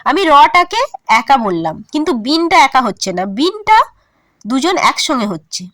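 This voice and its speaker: A woman teacher with a Bengali accent walks students through a grammar point, sounding words out syllable by syllable. Her voice sits high and swings widely in pitch. The recording is dry and close, with no room sound. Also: big pitch swings, bright, forceful tone, no room sound. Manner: slow, emphatic, syllable-by-syllable teaching. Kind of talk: explaining a grammar lesson to students.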